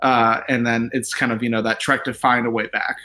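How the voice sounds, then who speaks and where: A man's voice: mid-range voice, brisk. A man, a TV writer, talking casually in an interview, rambling with lots of fillers. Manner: relaxed, rambling, many fillers and "like"s. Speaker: TV writer guest.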